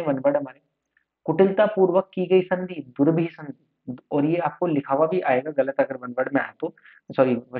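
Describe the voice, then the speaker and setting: A male teacher runs an online exam-prep lesson and drills vocabulary by saying each word more than once. His voice sits a little higher than most men's, and he sounds slightly unwell. The sound is thin and tinny, like a phone line.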